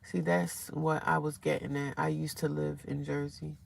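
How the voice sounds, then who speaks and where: Her voice is deep, gravelly, and a little mellow, with a flat delivery at normal speed. This woman is live streaming from a car parked by a highway, casually chatting, reading comments aloud, and repeating herself, with faint traffic behind.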